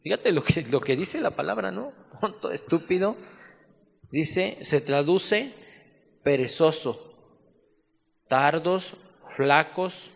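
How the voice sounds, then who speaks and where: A man with a Mexican accent teaching a Bible study class, dictating notes slowly and adding casual asides. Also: on the high side, animated, gravelly. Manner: slow, spelled-out dictation mixed with conversational asides. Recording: echoey hall reverb.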